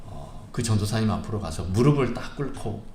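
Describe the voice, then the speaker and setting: A male pastor delivers a sermon in a church sanctuary, his voice rising and falling with lively swings in pitch. He tells a story with plenty of "uh" pauses, and the room adds a noticeable echo. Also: a little hiss or hum. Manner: storytelling with frequent "uh" pauses and vivid retelling.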